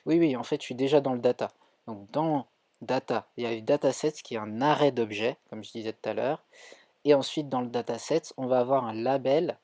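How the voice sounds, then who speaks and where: A man's voice: medium pitch, a little fast, warm tone, dry recording. A man with a French accent teaching a live coding tutorial, thinking aloud with many fillers and self-corrections. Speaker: coding instructor streaming.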